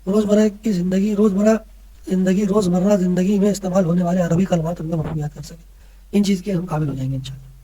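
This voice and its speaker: A man's voice: high-pitched, steady tone, mellow, husky, low-quality recording. A man teaching a religious lesson to children, patiently explaining and often checking that they follow. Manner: patient, keeps checking in with listeners.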